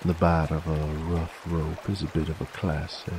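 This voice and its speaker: A cocky, dominant werewolf bounty hunter comes to life in this in-character ASMR monologue, voiced by a man whose deep, gravelly cowboy drawl carries a teasing, folksy manner. He speaks at normal speed over a noisy backdrop of a steady trickling stream and outdoor nature ambience.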